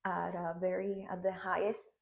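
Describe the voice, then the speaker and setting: Speaking in a low, creaky voice that barely rises or falls, this woman moves at a moderate pace. She's in her thirties, from Puerto Rico, and talks Spanish with a Puerto Rican accent while demonstrating a hairstyle step by step, pausing often to ask "okay?".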